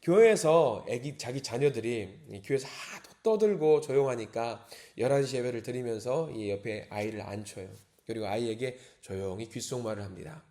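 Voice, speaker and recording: A male pastor giving an early-morning sermon, reading scripture slowly and acting out indignant prayers in a raised voice. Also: medium pitch, warm tone. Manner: reads scripture slowly and deliberately.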